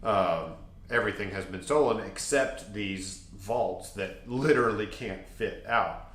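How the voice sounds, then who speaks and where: A man's voice: fairly low pitch, measured pace, fairly bright tone. Jokey guy rambling thru a travel story, laughs a lot, echoey room. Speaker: podcast co-host.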